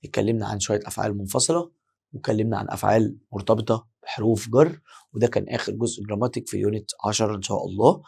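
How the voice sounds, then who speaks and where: Gravelly Egyptian man teaching. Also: on the low side, steady tone, darkish tone. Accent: Egyptian Arabic. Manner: explains step by step, repeats words slowly, quizzes students. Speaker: German language teacher. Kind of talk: exam-prep lesson.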